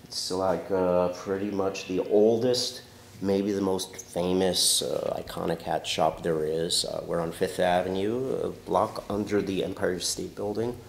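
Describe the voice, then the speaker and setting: A man with allergy stuffiness tries on caps for the camera in his large, wood-shelved hat shop, chatting animatedly about them in a deep, slightly slow, creaky voice. The camera sits on the counter as he moves in and out of frame, with roomy shop echo and a faint hum behind him.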